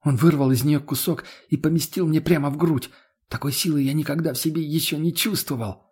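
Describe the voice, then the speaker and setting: A man reading an audiobook, voicing a frightened, shaken teenage captive who speaks in short, halting bursts. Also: on the high side, steady tone, a little mellow, husky, voice pushed up. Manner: fast, halting, pleading.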